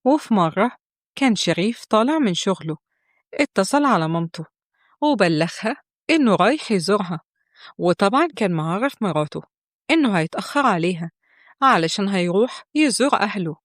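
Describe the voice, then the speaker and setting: Brief: Egyptian woman storyteller, mid-pitched, steady narration, close dry mic. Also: brisk, no room sound. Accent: Egyptian Arabic.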